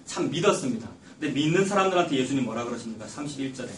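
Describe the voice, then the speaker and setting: A man preaching a sermon as pastor, emphatic and building to loud stresses. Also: medium pitch, expressive, very fast, recorded from a distance, a little hiss or hum. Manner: emphatic preaching, rising loud when quoting Jesus. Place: church sanctuary. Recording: echoey church recorded from afar.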